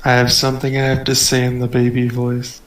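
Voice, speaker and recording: A man's voice: mid-range voice, monotone, a little fast, a bit bright, rough recording. A man streaming a game and joking around with a friend in a casual, playful chat. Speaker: live streamer.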